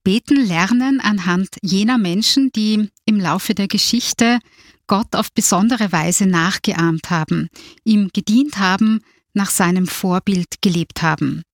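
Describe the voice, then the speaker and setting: A woman's voice: mid-range voice, unhurried, no room sound, studio quality. A woman hosting a religious radio show, formal and courteous, opening with a scripted introduction. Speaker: radio host. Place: radio studio.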